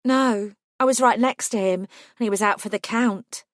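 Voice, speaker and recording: A woman voicing a gentle young cafe worker and nursing student with a faint London accent, speaking softly and earnestly. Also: a little high, normal speed, no echo, clean studio sound, pitched above the performer's own voice, natural voice. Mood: candid.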